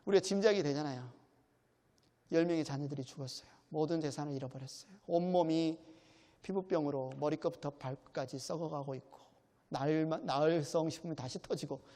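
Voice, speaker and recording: A man's voice: on the high side, a little mellow. A male pastor preaching a sermon in a church, earnest and addressing the congregation directly with questions. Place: church sanctuary. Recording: long church hall reverb.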